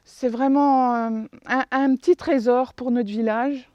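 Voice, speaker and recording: A woman's voice: sits high, steady tone, unhurried, dry recording. A woman from the village speaking in an interview, hesitant and stopping on fillers. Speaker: village resident. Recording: dull, dry lo-fi sound.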